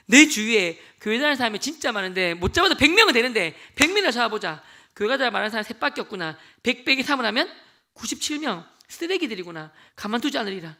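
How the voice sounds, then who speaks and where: A man in his forties giving a lively church testimony in a sanctuary, telling his story with animated storytelling and acting out the voices of the people in it. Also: very high-pitched, fast talker. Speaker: lay deacon giving testimony.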